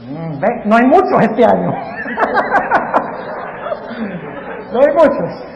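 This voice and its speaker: A male pastor preaching a sermon to a live audience in a large hall, animated and quizzing the crowd with questions. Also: extremely high pitch, very slow, gravelly, muffled recording. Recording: echoey hall, faint noise.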